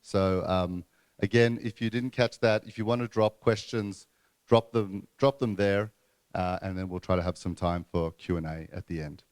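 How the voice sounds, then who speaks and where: A man's voice: low-pitched, fairly even intonation, normal speed, darkish tone, smooth, no room sound. A man hosting a conference session, making announcements and introducing speakers in a loose style full of fillers. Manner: loose, filler-heavy speech. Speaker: event host. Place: conference room before an audience.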